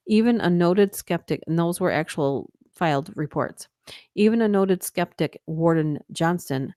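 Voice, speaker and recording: Reading ghost stories on a late-night live stream, this woman speaks in a low-pitched voice that's wearing out and tiring. She keeps a steady reading pace but slips into quick laughing asides and chatty comments, recorded in clean studio sound without echo.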